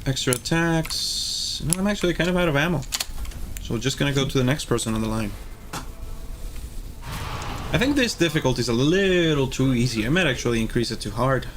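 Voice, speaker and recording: A man's voice: medium pitch, animated, a little fast, long pauses, noisy background. A man hosting a game playthrough, chatting casually in a playful, rambling, sweary way with game music behind him. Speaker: video game playthrough host. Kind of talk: casual gameplay commentary.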